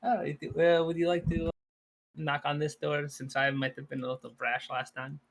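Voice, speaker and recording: A man's voice: on the high side, little pitch movement, normal speed. A man playing in a tabletop game, joking and swearing, rambling with restarts. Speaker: player. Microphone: home mic on a live stream.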